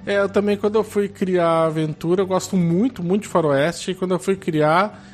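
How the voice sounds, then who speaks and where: Lively Brazilian man, fairly high voice. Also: a little fast. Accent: Brazilian Portuguese. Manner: lively, laughs often, reads comments aloud. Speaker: podcast co-host. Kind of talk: casual podcast chat.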